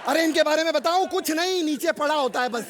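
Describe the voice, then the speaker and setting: High-voiced male comedian ranting on stage. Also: a little fast, very noisy. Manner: mock-ranting, teasing the judges. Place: TV studio stage with live audience.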